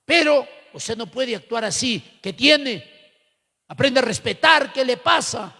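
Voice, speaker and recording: A man doing a stern, scolding church man, high gravelly voice, hall reverb. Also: expressive, unhurried, pushed and bright, heavily acted. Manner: scolding, repeated demanding questions.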